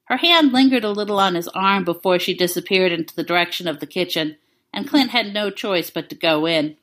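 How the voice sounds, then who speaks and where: A woman narrating fan fiction aloud in a calm, even storytelling manner. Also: fairly low pitch, brisk.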